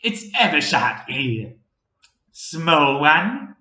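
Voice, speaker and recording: A man's voice: fairly high pitch, very slow, exaggerated voice. Cackling villain mage, as a man puts him on. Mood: smug menace. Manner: calm, persuasive, cackling. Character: gleeful villainous male human mage. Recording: roomy echo.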